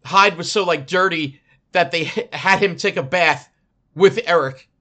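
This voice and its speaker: Bright, hesitant man chatting. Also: sits high, unhurried. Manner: hesitant, stammers and restarts often. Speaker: podcast co-host. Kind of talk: casual chat.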